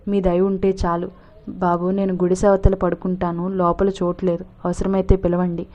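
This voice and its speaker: A man's voice: high-pitched, monotone, normal speed, a little mellow, close to an everyday voice. A woman voicing an old village man, humble and devoted, in a dull lo-fi recording. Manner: humble, pleading. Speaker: father of the girl.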